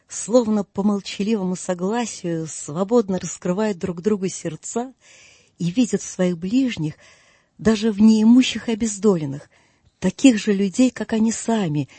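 A bright-spirited young man speaks with eager, heartfelt warmth, as a male reader puts him on. The voice rides high with a husky grain, recorded dry and close for an audiobook. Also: no echo. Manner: cheerful, pleading, earnest. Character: cheerful young man, warm-hearted nephew. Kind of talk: audiobook reading.

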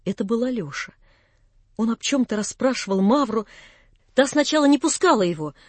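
Audiobook reader: woman, calm measured narration, breathy, dry close sound. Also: on the high side, dry recording. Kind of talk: scripted narration of a classic novel.

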